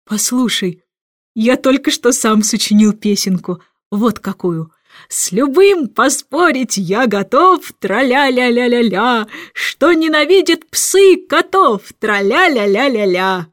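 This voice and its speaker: A woman voicing a muddled, boastful, childlike king who talks slowly and grandly. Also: medium pitch, no echo, clean studio sound, lightly acted. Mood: sing-song.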